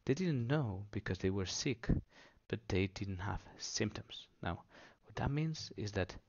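A man explaining things simply for children, unscripted, in short halting phrases with pauses, on a dull lo-fi recording. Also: lowish voice, animated. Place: indoors at a table.

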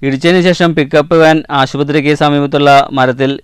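A male reporter reads a scripted regional news voice-over with a Kerala Malayalam accent. His tone is strikingly smooth and clear, a little high for a man, and the recording is close and dry. He keeps a measured, formal pace and lets his pitch fall at each sign-off. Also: steady tone, dry recording. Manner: measured formal reading, drops at sign-offs.

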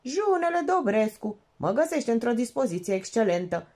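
Woman doing a shrill sarcastic lady detective in an audiobook, jumpy and mocking. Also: big pitch swings, dark tone. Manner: exclamatory, mocking, quick asides. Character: sharp, theatrical woman sleuth, excitable and sarcastic.

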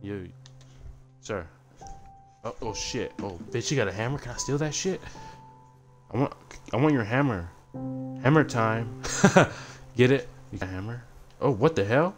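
A man giving crude, joking commentary while playing a game, swearing a lot and breaking into sudden loud yelps between mumbled asides. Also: mid-range voice, expressive, normal speed, pauses often, faint music behind. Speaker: gamer streamer. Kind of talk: casual gameplay commentary.

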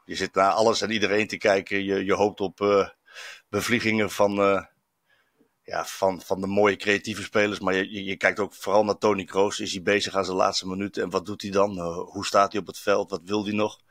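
A man's voice: sits low, flat delivery, moderate pace, fairly bright tone, no echo, clean studio sound. A man, a football journalist reporting from abroad, chatting reflectively with many fillers and restarts. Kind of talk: casual chat. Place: in Stuttgart, on location.

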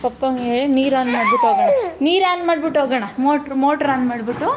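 A young mother films a live, casual vlog on her phone outdoors at a house under construction, coaxing a fussing toddler in sing-song baby talk. Her voice is high and very fast, with wildly swooping pitch. Loud outdoor noise fills the recording, including a crying child, animals, and work sounds.

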